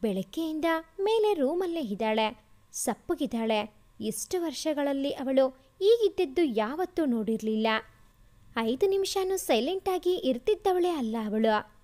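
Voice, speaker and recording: A woman's voice: high voice, animated, measured pace, warm tone. A woman reading aloud and voicing a caring, fussing middle-aged mother in a storybook tale. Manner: motherly, advising.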